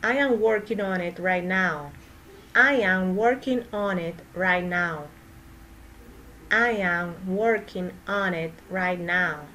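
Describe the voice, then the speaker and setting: A woman teaching English pronunciation, repeating model sentences slowly and clearly, then translating and giving advice. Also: lowish voice, sharp tone, slight background noise, low-quality recording. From Latin America. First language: Spanish. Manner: slow, deliberate, clearly articulated model sentences. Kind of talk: pronunciation lesson with slow repetition and translation.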